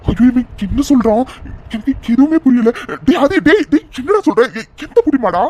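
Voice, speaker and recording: A man's voice: extremely high pitch, very animated, a little fast, warm tone, dull audio, full character voice. Fretful young friend, voiced by a man. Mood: bewildered. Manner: fretful, exasperated pleading. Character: worried, bewildered young male best friend. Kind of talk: cartoon voice acting.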